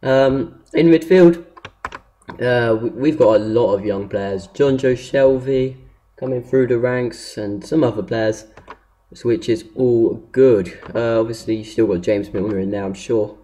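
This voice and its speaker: A man's voice: mid-range voice, a little slow, dark tone. A man giving casual, unscripted commentary as a gaming video host, hesitant and rambling as he talks.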